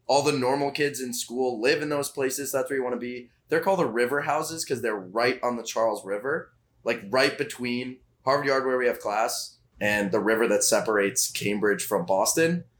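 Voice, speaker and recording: A young man in casual conversation with an old friend, speaking at an ordinary middle pitch. He is laid-back and joking, laughing easily as he tells stories. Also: moderate pace, a bit bright, slight background noise. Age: young adult. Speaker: college student guest. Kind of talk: casual chat.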